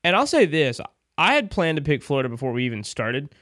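A man's voice: a little high, very animated, a little fast, fairly bright tone, no echo. Earnest male podcast host, dry close sound. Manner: earnest, emphatic. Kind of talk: casual, earnest podcast chat.

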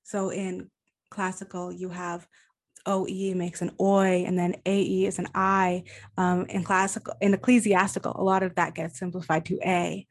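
A woman's voice: lowish voice, little pitch movement, moderate pace. A young woman guest, a college graduate, talking enthusiastically in a casual discussion with many fillers. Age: young adult.

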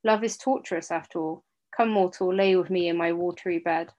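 A woman's voice: fairly low pitch, fairly even intonation, fairly quick, a little mellow, close to an everyday voice. A woman reading a storybook aloud voices a male kelpie, a shapeshifting water-horse spirit, in a purring, leering, seductive manner.

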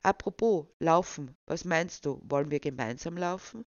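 A storyteller voicing a calm, friendly young woman with a dog, who speaks gently and encouragingly, on a dull, dry recording. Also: low voice, normal speed, no room sound. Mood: gentle.

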